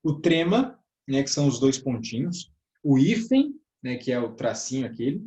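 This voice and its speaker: With big pitch swings in a mid-range, mellow voice, a man teaches grammar to church workers at a moderate pace, his accent southern Brazilian. He explains each step, punctuates with "tá?" or "né?", and calls his listeners brothers. The sound is lo-fi and the room echoey.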